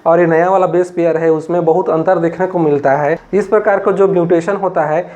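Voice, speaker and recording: A man's voice: a little high, steady tone, brisk, darkish tone, highs cut off. A man from Chhattisgarh teaching a biology class, explaining step by step and repeating himself often, with many fillers. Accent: Chhattisgarh Hindi. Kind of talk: classroom lecture.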